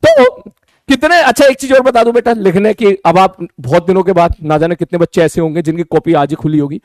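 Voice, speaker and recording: A man's voice: sits high, big pitch swings, brisk, no room sound. A man teaching a physics class in a chatty, joking way, repeating key phrases and asking his students questions he then answers himself. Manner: chatty, joking, addresses students as brother and child. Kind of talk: casual online class lecture.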